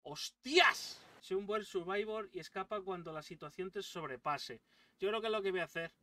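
A young man with a Spain Spanish accent, giving excitable let's-play commentary, yelping and swearing at every scare. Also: sits high, normal speed. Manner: yelps, swears and exclaims constantly, jumpy. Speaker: gaming channel host. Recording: distant mic with clear background noise.

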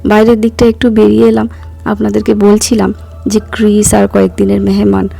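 A woman in her thirties, hoarse from a cough, chatting casually as a vlogger and walking viewers through each step. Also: mid-range voice, completely flat delivery, fairly quick, dark tone, soft background music. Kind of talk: casual vlog narration.

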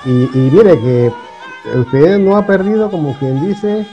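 A man's voice: on the high side, expressive, takes it slowly, muffled recording, music in the background. A man with a Peruvian accent from Lima, hosting a TV interview in a conversational tone and ending his questions with a prompt. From Peru.

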